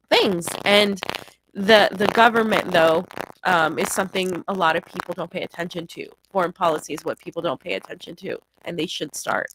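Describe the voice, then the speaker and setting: A woman comes through a crackling, distorted microphone on a video call, a faint layer of static running under her voice. Her voice sits a little low. She speaks earnestly and thinks aloud, often restarting her phrases. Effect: crackling, distorted mic. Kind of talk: remote conversation on politics.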